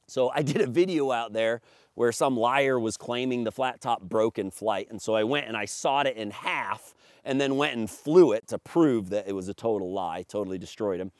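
A paramotor maker in his forties stands in a grassy field outdoors, gesturing as he gives an emphatic, salesman-style walkthrough of his gear and reads points off a sheet. His medium-pitched voice has a darkish tone at normal speed. Captured by a camera a few meters away, the sound is dry and studio-clean.

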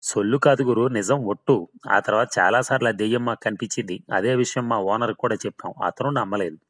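A man's voice: fairly low pitch, brisk, natural voice. A man voicing the ghost of a hard-drinking male laborer who keeps swearing his tale is true, in a storybook reading. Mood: insistent.

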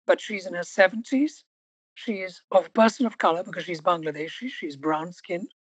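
A woman hosting an interview podcast, talking reflectively and stressing single words slowly for emphasis. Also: lowish voice, breathy edge, no room sound, low-quality recording. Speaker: podcast host.

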